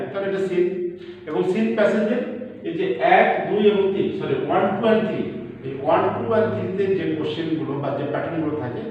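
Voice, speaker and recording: A man with a Bangladeshi accent teaching an English lesson, explaining words slowly and spelling them out letter by letter. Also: high-pitched, a little mellow. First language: Bengali. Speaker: assistant teacher. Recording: echoey hall, far from the mic, dull.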